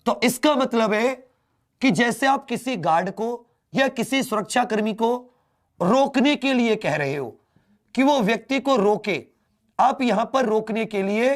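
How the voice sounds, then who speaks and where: A man with a high voice teaches a grammar class at an unhurried, drawn-out pace. He repeats each key term and turns it into a question for his students. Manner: slow, drawn-out delivery. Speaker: Hindi teacher.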